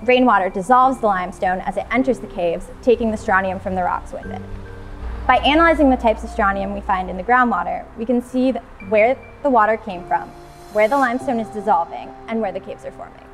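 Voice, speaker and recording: A young adult woman, a doctoral student, clearly explaining her research in an outdoor interview on a lapel mic. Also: mid-range voice, brisk, soft background music. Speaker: PhD student scientist. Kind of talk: documentary interview. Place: outdoors in a forest.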